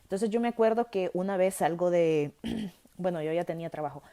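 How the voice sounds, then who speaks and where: Salvadoran woman host, lively storyteller, warm low-key timbre. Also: moderate pace. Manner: animated, lively retelling with self-corrections. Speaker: podcast host. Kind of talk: personal storytelling.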